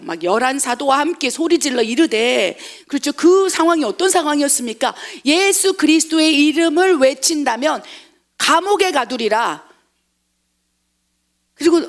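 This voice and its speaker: A woman missionary pastor preaches with a high, gravelly voice. She talks animatedly, slips into the voices of the people she describes and keeps putting questions to her listeners. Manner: animated, acts out quoted voices; asks the congregation rhetorical questions. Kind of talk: sermon.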